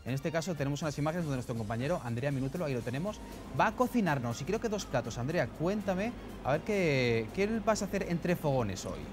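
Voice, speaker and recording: Upbeat male TV host, 30s, slightly high voice, lapel mic, faint music underneath. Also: expressive, a little fast. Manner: upbeat, announcing segments. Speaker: TV presenter. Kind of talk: studio TV presenting. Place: TV studio, seated on sofa.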